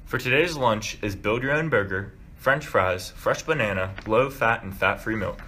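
A man's voice: on the low side, expressive, normal speed, pushed and bright, slight background noise. A young man from the United States reading scripted morning announcements in a school intercom manner.

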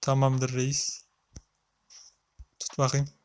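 A man at an ordinary middle pitch commenting casually on a game as he plays it. He keeps up a running chat with his viewers and snaps back at the characters. A faint hiss of noise sits under the voice. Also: completely flat delivery, slow. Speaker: let's play gamer.

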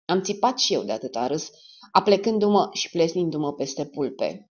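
A woman reads a dark crime audiobook in a lowish voice that rises and dips expressively. Her delivery is steady and measured. The recording sounds slightly dull and lo-fi. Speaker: audiobook narrator. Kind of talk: dramatic audiobook narration.

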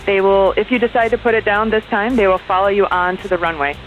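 A woman's voice: mid-range voice, steady tone, fast. Female air traffic controller on muffled radio. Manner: procedural, clipped phrasing. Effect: aviation radio. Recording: dull lo-fi radio, faint music behind.

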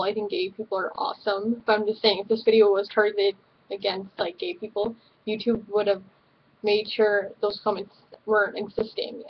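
Young woman, husky voice, earnest and indignant webcam vlog, lots of fillers, dull lo-fi bedroom recording. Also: medium pitch. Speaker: YouTube video reviewer. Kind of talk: direct-to-camera opinion vlog. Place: small bedroom, indoors. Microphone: webcam at desk.

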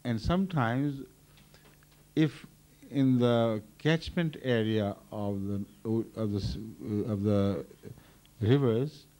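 An older man, a religious leader, giving a measured, thoughtful explanation at a microphone during a question session. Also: medium pitch, dark tone. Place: large indoor hall. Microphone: standing microphone.

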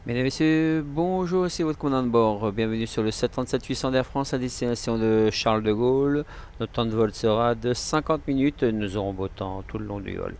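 A man's voice: medium pitch, fairly quick, darkish tone, smooth, close to an everyday voice. A man playing an airline captain's cabin announcement. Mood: formal. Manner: formal, announcing. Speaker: flight simulator player. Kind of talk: role-played cabin announcement.

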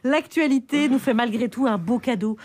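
A woman hosting a live radio show from a studio, brisk and amused, laughing along with her guests. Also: fairly high pitch, a little mellow, a little hiss or hum. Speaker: radio host.

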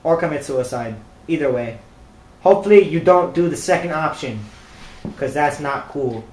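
A man's voice: fairly high pitch, animated, moderate pace, reverberant, poor audio. A young man joking around while playing a video game, silly and playful. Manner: goofy, playful, bursts of shouting. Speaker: gamer.

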